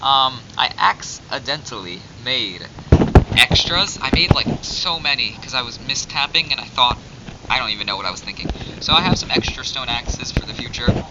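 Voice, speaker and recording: Guy rambling through his minecraft let's play, dull cheap mic, loud hiss behind. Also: mid-range voice, lively intonation, normal speed. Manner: chatty, rambling, easily exasperated. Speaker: gamer narrating his Minecraft series. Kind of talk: casual gameplay commentary.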